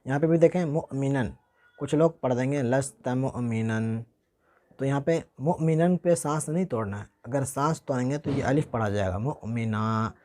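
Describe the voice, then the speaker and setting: A man teaching Quran reading, reciting each word slowly and carefully and explaining pronunciation. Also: medium pitch, warm tone.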